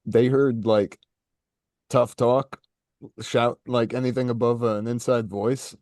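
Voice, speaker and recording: A man co-hosting a casual history podcast, halting and searching for words, with jokey asides. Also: mid-range voice, level tone, darkish tone, no room sound, clean studio sound. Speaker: podcast co-host.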